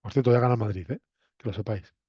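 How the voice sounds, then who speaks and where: Racing along in a lowish voice with a breathy edge, a man from La Mancha, Spain lectures his university students in Castilian Spanish. He teaches in a casual, didactic style, checking in often with short tag questions, in an echoey, dull, lo-fi recording.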